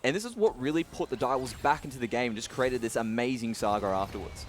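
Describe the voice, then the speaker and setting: A man's voice: medium pitch, a little hiss or hum. A man breaking down esports replays at speed, piling on fillers as he walks through the plays. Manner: fast, filler-heavy play-by-play breakdown. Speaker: esports analyst.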